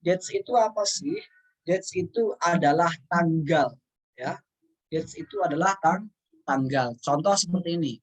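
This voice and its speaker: Guy explaining a lesson, says stuff twice, reads examples real slow. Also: a little high, low-quality recording. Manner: explains patiently, repeating words and example sentences; reads English examples out slowly. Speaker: English teacher. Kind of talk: casual spoken lesson.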